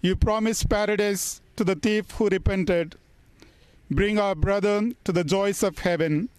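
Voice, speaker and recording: A man with a high-pitched voice leads burial prayers as a priest. He speaks very slowly and solemnly, setting each phrase apart in a formal liturgical graveside style. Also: steady tone, clean tone, low-quality recording. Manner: solemn, measured, deliberate phrasing with pauses. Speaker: priest leading a funeral burial service. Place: funeral service in New Delhi.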